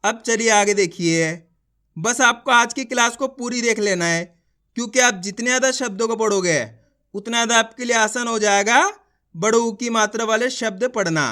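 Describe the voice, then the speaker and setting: A man's voice: extremely high pitch, moderate pace, bright, forceful tone. A man teaching beginners to read, sounding out syllables one by one and blending them into words while encouraging his viewers. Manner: encouraging, repeats instructions to viewers. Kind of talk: beginner reading lesson.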